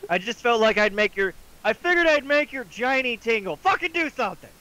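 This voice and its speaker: Game master, man, crude and jokey, lively high delivery with a forceful edge. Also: normal speed, a little hiss or hum, low-quality recording. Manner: joking, profane. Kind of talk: casual, crude tabletop game narration.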